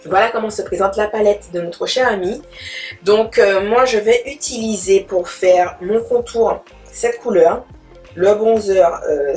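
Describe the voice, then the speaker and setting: A young woman, chatting casually through a makeup tutorial and dropping in English words. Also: medium pitch. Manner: chatty, mixes in English words, repeats fillers. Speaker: beauty vlogger.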